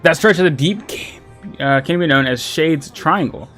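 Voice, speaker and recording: A man's voice: fairly high pitch, moderate pace, a bit bright, faint music behind, voice pushed up, close to an everyday voice. A man voicing a seafaring male explorer captain in a pirate drawl, reading game lines aloud and stumbling over the names. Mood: yarn-spinning.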